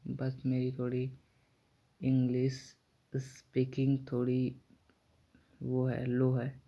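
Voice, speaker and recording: A man with an Indian accent teaching English pronunciation rules slowly, repeating example words and correcting himself now and then. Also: mid-range voice, dark tone. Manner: slow deliberate explaining, repeating example words; frequent self-corrections. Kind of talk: spoken English pronunciation lesson.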